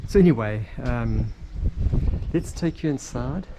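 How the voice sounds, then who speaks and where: Halting, rambling male travel vlogger. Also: mid-range voice, animated, noisy background. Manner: halting and rambling, full of ums. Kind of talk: casual travel vlog narration.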